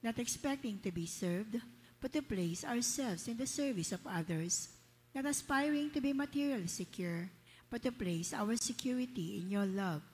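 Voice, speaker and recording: Female church lector, Filipino accent. Formal, solemn, slightly rough-edged voice in deep cathedral reverb. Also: lively intonation, moderate pace, a little mellow. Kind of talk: formal read prayer and church announcement. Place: large church, through sound system. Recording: echoing church with long cathedral-like reverb, husky sound.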